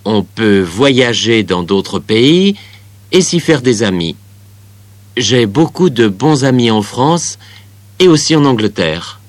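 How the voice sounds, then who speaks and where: A man playing a friendly bilingual teenage boy in a scripted listening exercise, relaxed and plain. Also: medium pitch, slow pace, dry recording. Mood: easygoing.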